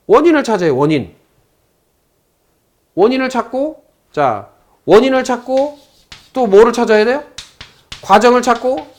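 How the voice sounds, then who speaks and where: In a high-pitched voice, a lecturer on saju fortune-telling plays both parties in a phone call to tell a story, then quizzes his class.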